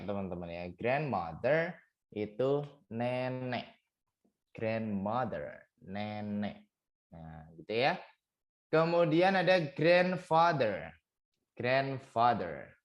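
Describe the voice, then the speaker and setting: Male English tutor, online vocabulary lesson; slow, patient drilling with a lively, bouncing pitch. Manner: drills each word by slow repetition; mixes English words into teaching talk.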